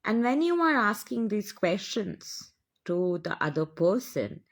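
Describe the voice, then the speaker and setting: A woman with an Indian English accent speaks in an earnest spiritual monologue. She sounds impassioned and a little preachy, and she keeps building on repeated phrases. Her pitch sits in the middle for a woman. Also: big pitch swings, a little slow.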